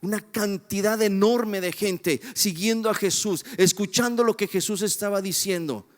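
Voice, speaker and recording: A man preaching with passion, his voice pitched notably high for a man. He drives the story forward and keeps asking the congregation rhetorical questions. The sound trails off in the long reverb of a church hall. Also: moderate pace. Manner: impassioned, dramatic retelling with rhetorical questions to the congregation. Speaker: pastor. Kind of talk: sermon.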